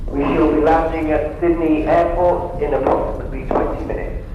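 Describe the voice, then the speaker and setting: An actor playing an airline captain, making a formal, measured announcement over the aircraft intercom. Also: male voice, a little high, fairly even intonation, highs cut off. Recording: echoey, noisy cabin intercom.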